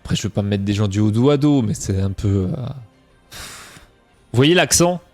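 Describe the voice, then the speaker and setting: A young man from Franche-Comté, with a slight Franc-Comtois French accent, chats casually with his stream chat and pokes fun at himself. He talks fast in a lowish, mellow voice, and faint music plays behind him.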